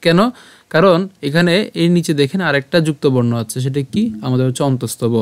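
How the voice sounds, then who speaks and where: Man slowly spelling out a verse. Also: on the high side, clear, resonant tone, no room sound. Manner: slow, syllable-by-syllable recitation with patient explanations. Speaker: Sanskrit verse teacher. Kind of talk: pronunciation lesson.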